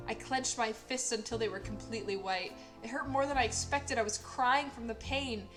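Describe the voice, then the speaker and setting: Sarcastic young woman reading her fanfic. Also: mid-range voice. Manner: sarcastic, self-mocking asides. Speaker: streamer. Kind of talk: reading her old fanfic aloud with commentary.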